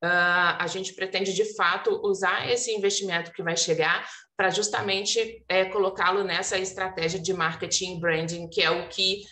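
Low bright woman, echoey call audio. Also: steady tone, normal speed. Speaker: founder of a sportswear brand. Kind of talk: answering questions at a demo day. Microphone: video call with earphones. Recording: roomy, distant video call audio.

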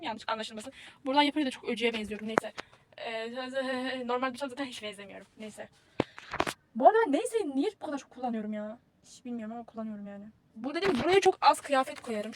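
Chatty, high-voiced young woman. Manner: chatty, rambling, self-mocking. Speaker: vlogger. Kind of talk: casual packing vlog.

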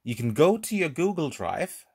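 A man's voice: fairly high pitch, very animated, normal speed, a little mellow, slightly rough. A man narrating a screen recording tutorial, explaining step by step in an informal way. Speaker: tutorial presenter. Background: voice-over on a screen recording.

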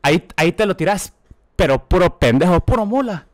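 High-voiced Korean man, crude slang. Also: fairly quick, no room sound, studio quality. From South Korea. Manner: crude slangy, laughs often. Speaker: reaction video host. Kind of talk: casual reaction commentary.

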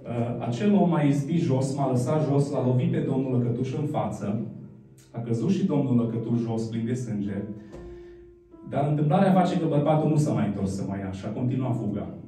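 Man telling a story in a roomy hall. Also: mid-range voice. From Romania, Cluj. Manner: animated, acts out childhood dialogue. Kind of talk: personal testimony storytelling. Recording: roomy, distant mic with soft guitar music.

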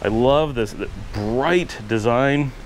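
A man's voice: mid-range voice, takes it slowly, slight background noise. A man in his forties filming a walking house tour vlog with a handheld action camera, enthusiastic and rambling with lots of fillers. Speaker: vlogger. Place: indoor and outdoor rooms of a house with courtyard pool. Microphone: handheld action camera at arm's length.

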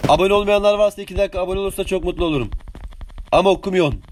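An 18-year-old man streaming live gameplay, chatting with viewers, humming little sound effects and yelling excitedly at opponents. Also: sits high, very fast, a little hiss or hum. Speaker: game streamer.

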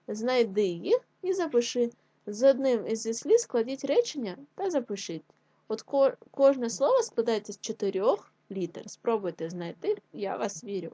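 A woman teaching a young children's class, sounding out syllables slowly and patiently. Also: a little high, mellow, dry recording. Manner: slow, clearly spelled-out syllables, patient. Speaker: primary school teacher. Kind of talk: slow online lesson for young children. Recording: dull lo-fi sound.

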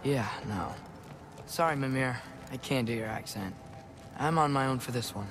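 An actor voicing an earnest, determined teenage boy hero in a video game cutscene, speaking slowly and carefully. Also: mid-range voice, background noise, natural voice.

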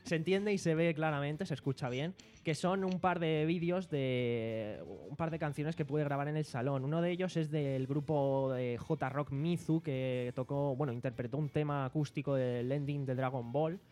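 A young man with a Spanish accent hosts a podcast from a living-room desk microphone. His voice sits a little high for a man, and he rambles along, poking fun at himself. Faint music runs underneath. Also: steady tone, normal speed, darkish tone. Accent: Spanish from Spain. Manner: rambling, joking, self-mocking. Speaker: podcast host and sound technician. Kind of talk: casual podcast chat. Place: living room studio with several people. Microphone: desk microphone on stand.

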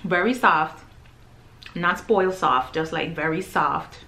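A woman chatting casually to camera as she tastes and reviews groceries, describing each bite between pauses. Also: on the low side, bright, forceful tone. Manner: chatty, tasting and describing food between bites.

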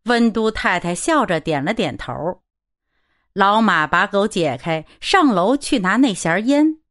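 A woman narrating a novel for an audiobook in a lively storytelling manner. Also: medium pitch, unhurried.

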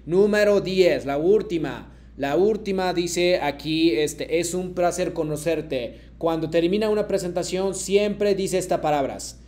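A man teaching a Japanese class over a video call, patiently modeling each phrase slowly for students to repeat. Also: a little high, a little mellow. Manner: patient, slow careful modeling of phrases for repetition. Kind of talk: online language lesson.

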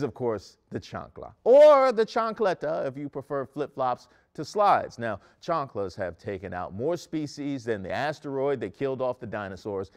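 A man's voice: sits high, clear, resonant tone. A young man hosting a comedic news segment, joking with mock-outraged asides, recorded standing in a studio. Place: studio set in front of a screen.

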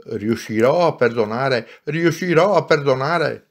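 A man reading aloud and voicing a small, eager spirit with an excited, pleading manner. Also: medium pitch, measured pace. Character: small eager newborn soul, childlike.

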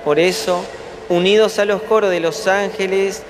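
Priest, male. High-pitched, formal delivery of prayers, ringing in a big echoing cathedral. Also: steady tone, normal speed. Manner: solemn, formal. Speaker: priest celebrating Mass. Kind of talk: liturgical prayer, read solemnly. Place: large stone basilica during Mass. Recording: echoing cathedral, noisy, from far off.

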